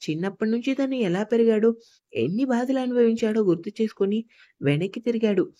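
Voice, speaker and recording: A woman narrating a love story in a steady, even reading voice. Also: fairly high pitch, fairly quick, no room sound, highs cut off.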